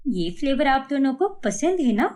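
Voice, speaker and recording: A woman voicing a tidy, sharp-tongued young daughter-in-law in a cartoon story, speaking in a lecturing manner. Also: high voice, sing-song, normal speed. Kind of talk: cartoon voice acting.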